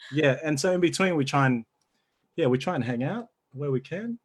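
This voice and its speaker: A man's voice: fairly high pitch, lively intonation, moderate pace, breathy edge. Laid-back guy in his 30s, pastor, chatting and laughing easy on a video call. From New Zealand. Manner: easygoing, laughs often. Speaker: church pastor. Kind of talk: casual interview chat.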